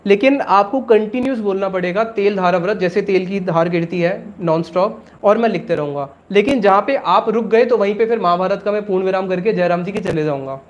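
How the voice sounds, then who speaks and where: A man leads a religious class in a high, light voice. He explains patiently, poses questions to the room and answers them himself, slipping English words into casual Hindi. The recording sounds muffled and lo-fi. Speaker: Gita class teacher.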